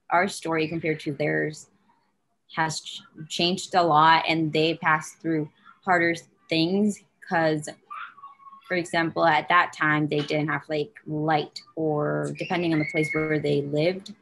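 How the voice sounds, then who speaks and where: A woman's voice: low-pitched, little pitch movement, takes it slowly, vocal fry, fairly bright tone, poor audio. A woman from Costa Rica answering as a student guest in an interview, speaking reflectively.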